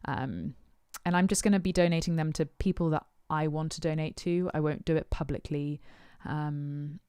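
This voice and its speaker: Low-voiced woman, very smooth and resonant. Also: steady tone, normal speed, darkish tone, no echo, clean studio sound. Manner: thoughtful, hesitant, with many ums and uhs. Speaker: musician answering supporters' questions. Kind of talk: casual Q&A chat.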